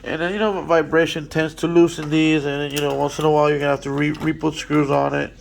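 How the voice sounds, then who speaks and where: A man's voice: fairly high pitch, flat delivery, fast, creaky, faint music behind. A man explaining a motorcycle repair in a casual workshop walkthrough, rambling with many fillers and restarts, blunt and swearing now and then. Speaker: motorcycle mechanic.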